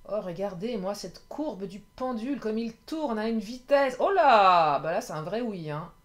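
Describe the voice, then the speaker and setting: A woman's voice: medium pitch, lively intonation, measured pace. A woman doing a casual card reading to camera. She is chatty, hesitates with many fillers and laughs at herself. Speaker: tarot card reader.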